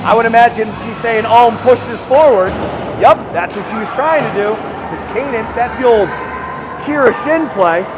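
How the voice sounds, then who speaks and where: High-voiced excitable male hockey commentator. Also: normal speed, over music. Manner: excitable, shouts on scoring chances, jokes with listeners. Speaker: play-by-play commentator.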